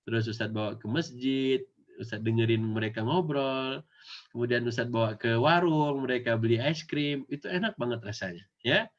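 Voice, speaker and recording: A male Islamic teacher with an Indonesian accent giving an animated Quran lesson to children, often acting out the kids' voices. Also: mid-range voice, normal speed. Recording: dull lo-fi recording.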